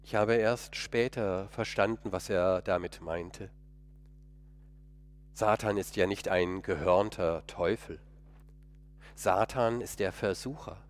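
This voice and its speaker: A man's voice: low-pitched, slow pace, long pauses. A man delivering a first-person dramatic monologue sermon in an earnest, emotional, pleading way.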